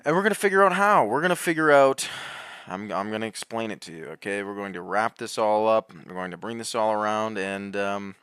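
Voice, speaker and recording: A man's voice: on the low side, animated, brisk, clean tone, dry recording, clean studio sound. Laughing, heated male commentator. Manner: laughs often, restarts, swings loud and soft. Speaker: commentary host. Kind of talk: animated conspiracy commentary.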